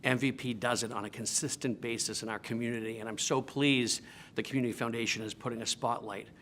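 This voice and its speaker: A man's voice: mid-range voice, steady tone, fast, fairly bright tone, slight background noise. A man speaking off the cuff in an interview testimonial, earnest and emphatic about his points. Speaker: community foundation board vice chair.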